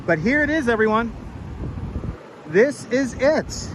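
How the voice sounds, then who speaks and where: A man with a high-pitched voice works as a tour guide on a livestream, projecting as he points out sights to his viewers. He is recorded outdoors on city streets, with clear traffic and urban noise behind him. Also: expressive, slow. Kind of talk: live walking tour commentary to online viewers. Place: outdoors on busy city streets and park edge.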